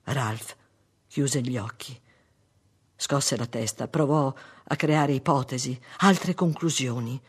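Husky male audiobook narrator. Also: medium pitch, slow.

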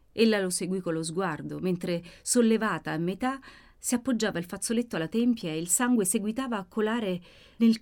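Reading a novel aloud, this female audiobook narrator delivers vivid, dramatic storytelling. Her pitch and loudness swing sharply as she performs expressively.

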